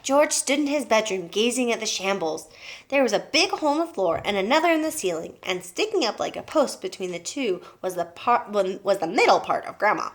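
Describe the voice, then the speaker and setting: A woman's voice: medium pitch, big pitch swings, brisk. A woman teacher reading a children's book aloud to her class and pointing out the pictures.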